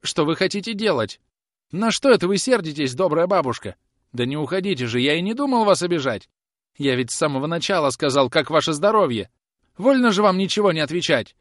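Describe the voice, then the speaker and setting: Audiobook: male reader as a cowardly young servant lad, whiny and pleading, lively high voice. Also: a little fast, no echo, studio quality, lightly acted. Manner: whining, pleading, panicky. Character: whining frightened young male errand lad. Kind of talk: audiobook character voice.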